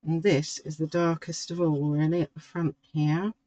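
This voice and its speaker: A middle-aged woman, slowly talking through a drawing as she works and musing to herself. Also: low-pitched, little pitch movement, mellow, dry recording, muffled recording. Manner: slow, musing, talks to herself while drawing. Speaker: art tutor. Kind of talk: relaxed painting tutorial.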